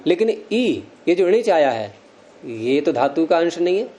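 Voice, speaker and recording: In an unhurried classroom session, a man teaches Sanskrit grammar, walking students through every rule and stopping now and then to ask them questions. His pitch runs slightly high for a man and rises and falls widely, yet the tone stays soft and mellow.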